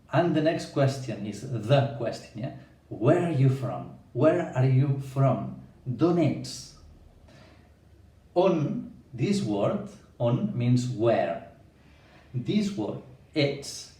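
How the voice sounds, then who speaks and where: A man's voice: medium pitch, warm tone, recorded from a distance. A man in his thirties giving a language lesson at a whiteboard, explaining step by step and often checking with a questioning "yeah?". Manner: points at a whiteboard while explaining. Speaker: language teacher. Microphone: camera a few feet away. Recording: roomy echo, voice a little off-mic.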